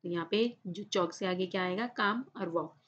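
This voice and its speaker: A woman teacher reads an English textbook lesson aloud slowly and explains it in Hindi, often repeating a filler phrase. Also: fairly low pitch, a bit bright. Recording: slightly dull lo-fi recording.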